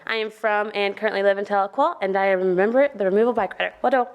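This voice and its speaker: A woman's voice: medium pitch, steady tone, fast talker, dull audio, background noise. A woman in her twenties carefully reciting a formal introduction to a council. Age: 20s. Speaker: bike rider introducing herself.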